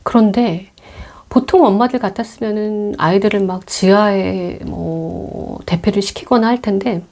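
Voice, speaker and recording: A woman's voice: medium pitch, measured pace, darkish tone. A middle-aged woman retelling a film's story in a chatty way, with many fillers and acted-out quotes. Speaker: movie mentor retelling films. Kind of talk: audio film retelling.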